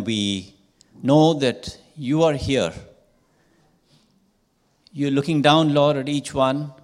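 An older man, a church elder, leading a solemn congregational prayer and repeating "Lord" often. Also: mid-range voice. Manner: slow, solemn, measured praying with repeated "Lord".

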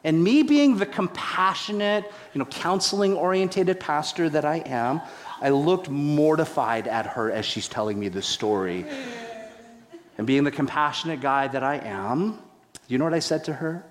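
A man's voice: animated, normal speed. Man preaching in a reverberant hall. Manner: storytelling with dramatic pitch swings and playful humor. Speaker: pastor. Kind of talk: sermon.

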